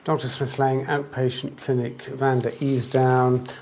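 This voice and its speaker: A doctor dictating a clinic letter in a formal, clinical manner. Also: male voice, medium pitch, little pitch movement, measured pace, a little mellow, slight background noise.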